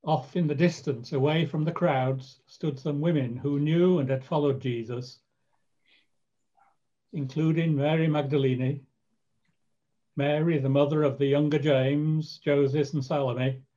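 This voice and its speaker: A man narrating scripture in a measured, storytelling way. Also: fairly high pitch, fairly even intonation, mellow, lo-fi sound.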